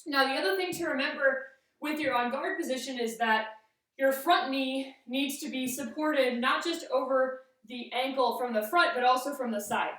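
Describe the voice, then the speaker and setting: A woman fencing instructor walks through a demonstration step by step, frequently checking in with a short "okay?". Her high voice has a fairly bright tone at normal speed. The room is very echoey and the microphone distant.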